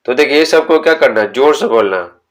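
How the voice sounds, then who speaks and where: A man's voice: mid-range voice, expressive. Man explaining a school textbook. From India. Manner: slow, deliberate reading of English sentences, then explaining them; asks the students questions and answers them himself. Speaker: teacher.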